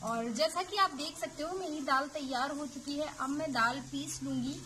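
Up accent lady doing a cooking vlog, high voice, chatty, clay stove kitchen. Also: normal speed, pushed and bright, a little hiss or hum. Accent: Uttar Pradesh Hindi. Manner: chatty step-by-step explaining to viewers. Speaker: vlogger. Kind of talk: casual cooking vlog narration.

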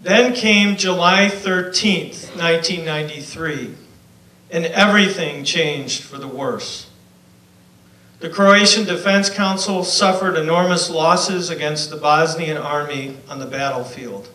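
A middle-aged man introducing a talk and reading a book excerpt aloud in a measured way at a podium. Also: a little high, pushed and bright. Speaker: event presenter. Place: lecture hall. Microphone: handheld mic, filmed from far. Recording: echoey hall, far from camera mic.

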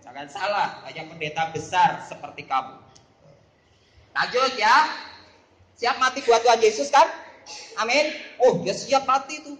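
A man's voice: high-pitched, measured pace, long pauses, fairly bright tone, echoey room, low-quality recording. A man teaching a Bible lesson to children, playful, calling on pupils by name and quizzing them.

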